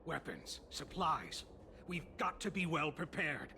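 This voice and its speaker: Villainous smuggler henchman, video game: scornful, theatrical menace, lively higher pitch. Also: unhurried, noisy background. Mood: gruff, conspiring. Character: male villainous smuggler henchman, furtive and contemptuous.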